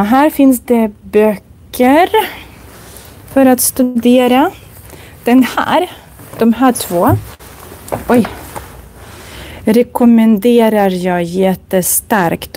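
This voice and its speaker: A woman teaching a casual language lesson in a library, browsing books and speaking slowly and clearly for learners. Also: on the high side, dark tone, a little hiss or hum. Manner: slow, clear demonstrating speech for learners; chatty, recommends books while browsing. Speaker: Swedish teacher. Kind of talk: casual live lesson on a walk. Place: library, indoors.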